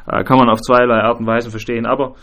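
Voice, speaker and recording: A man's voice: mid-range voice, little pitch movement, a bit bright. Guy leading a bible study, lots of uh and restarts, keeps asking the group stuff, medium voice. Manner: halting, many fillers and restarts, asks the group questions.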